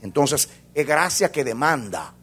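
A man preaching a sermon as a pastor, swinging between loud fervor and hushed intensity. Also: mid-range voice, sing-song, measured pace, a little hiss or hum.

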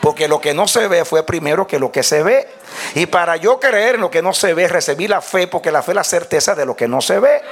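A man preaching a sermon to a congregation, calling out to them and swinging between loud exclamations and low, quiet lines. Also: expressive, fairly quick. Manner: calls out to the congregation.

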